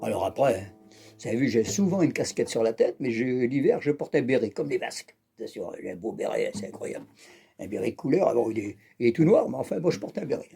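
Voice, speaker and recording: A man's voice: medium pitch, big pitch swings, brisk, creaky. A man hosting an accordion channel, chatting to camera while strumming a guitar, jokey and bawdy, peppering his talk with little fillers. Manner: jokey, chatty, keeps adding "hein" and "incroyable"; bawdy, teasing storyteller.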